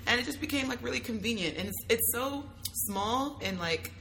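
A young adult woman, a travel content creator, talking casually as an interview guest, lively, slangy and quick to laugh. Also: on the high side, gravelly, a little hiss or hum. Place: at a travel festival.

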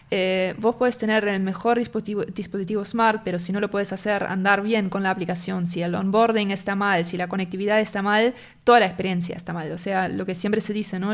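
A woman with German as her first language explains her work as a marketing and sales lead in a casual interview. Her voice is medium-pitched, and she searches for words as she goes.

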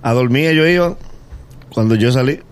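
A man's voice: mid-range voice, moderate pace, slight background noise. A man co-hosting a radio show, telling stories with plenty of laughter. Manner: laughing, storytelling. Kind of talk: casual storytelling chat.

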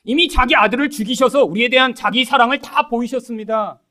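A man's voice: very high voice, fast talker, pushed and bright. A man preaching a sermon as pastor, addressing the congregation directly and acting out quoted dialogue. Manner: acts out quoted dialogue in changed voices.

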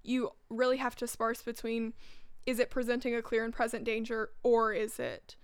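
A woman's voice: on the high side, level tone, normal speed, smooth, no echo. A nineteen-year-old college woman in a casual student discussion, speaking hesitantly and hedging her points. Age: about 19. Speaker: student panelist.

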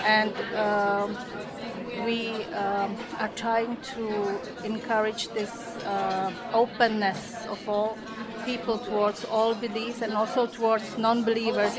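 Lady in her 40s, runs a restaurant, talks earnest and halting with lots of ums, mid pitch, loud busy lunch crowd all around. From Indonesia. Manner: earnest, halting, with frequent fillers. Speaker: restaurant owner. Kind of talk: interview answers.

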